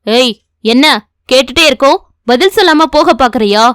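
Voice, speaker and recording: Woman voicing a nosy middle-aged village woman, lowered voice, scolding, mocking, dry close sound. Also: expressive, normal speed, no echo. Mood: angry.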